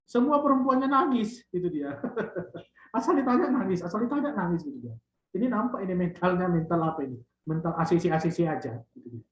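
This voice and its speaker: A man's voice: sits high, expressive. Man, thesis lecturer, teasing tags, echoey dull lo-fi audio. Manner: drawn-out "gitu dia" tags, teasing. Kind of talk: online thesis guidance talk.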